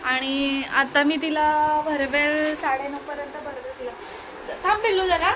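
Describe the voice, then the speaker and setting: A woman's voice: high-pitched, fairly even intonation, measured pace. A young woman with a Marathi accent, chatting casually to her viewers at home as she goes through her chores and coaxes her baby. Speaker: vlogger, mother of a baby. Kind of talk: casual home vlog chat. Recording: noisy home phone recording.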